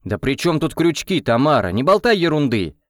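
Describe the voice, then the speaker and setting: A man reading an audiobook, voicing a gruff older husband who brushes off gossip and teases. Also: on the high side, very animated, moderate pace, dry recording, clean studio sound, pitched above the performer's own voice. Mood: dismissive. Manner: dismissive, jokey.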